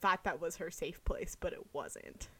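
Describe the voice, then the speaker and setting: A woman's voice: fairly low pitch, measured pace, sharp tone, breathy edge, no echo. A young woman in casual podcast chat about a book, rambling and thinking aloud with lots of filler words.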